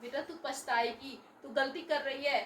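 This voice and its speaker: A woman acting as a pleading, moralizing middle-aged mother who lectures her grown daughter about right and wrong. Her voice sits high, and the room around her is roomy, heard from a little way off the mic. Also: fairly even intonation, moderate pace, fairly bright tone, a little hiss or hum. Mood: pleading, reproachful. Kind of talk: home family drama acting. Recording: roomy echo, voice from a distance.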